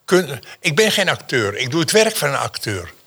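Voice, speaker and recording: A man's voice: mid-range voice, very animated, moderate pace, vocal fry, bright, forceful tone, husky. A man, a painter, telling stories as an interview guest, theatrical and emphatic, repeating phrases for effect. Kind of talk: animated storytelling in an interview.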